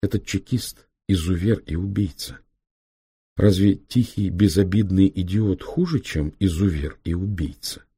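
A man voicing a quiet, resolute young woman. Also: deep voice, unhurried, slightly rough, no echo, clean studio sound, full character voice. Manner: quiet, steady.

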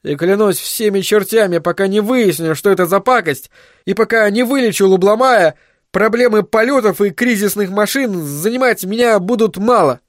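A harried male scientist, as a man reads him out in an audiobook, talking in hot emphatic bursts and pushing hard. His voice sits above the narrator's usual pitch, dry and close. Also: expressive, normal speed, no echo, close to an everyday voice. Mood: heated. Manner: heated, emphatic, pleading at times. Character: agitated middle-aged male scientist, stubborn, harried.

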